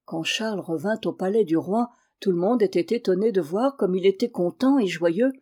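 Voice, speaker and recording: Woman reading a folk tale, husky. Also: medium pitch, moderate pace, dark tone. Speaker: reader. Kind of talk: folk tale read aloud.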